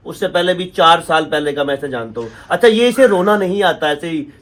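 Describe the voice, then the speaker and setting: Man, thirties, somewhat high voice, playful, teasing. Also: expressive, brisk, fairly bright tone. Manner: playful, teasing, jumpy in pitch. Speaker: co-host husband. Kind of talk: casual chat.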